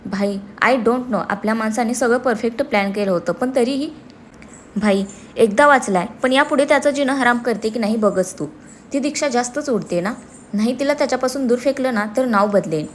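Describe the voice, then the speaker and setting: Woman doing a vengeful scheming young villainess, spiteful threats, slightly high voice. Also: normal speed, slight background noise, natural voice.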